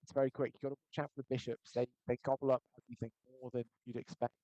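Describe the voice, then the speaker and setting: A man chatting casually as co-host of a gaming stream, his online audio choppy, warbling and cutting out, delivered dry and offhand with pauses. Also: medium pitch, level tone, mellow, dry recording, dull audio. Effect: choppy online audio that keeps cutting out and warbling.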